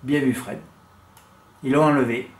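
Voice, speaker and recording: Animated, bawdy man with a roomy echo. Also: measured pace. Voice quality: has a noticeable accent others laugh at. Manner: animated, crude joking, big swings in pitch and loudness. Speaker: horse racing tipster. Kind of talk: casual monologue to camera.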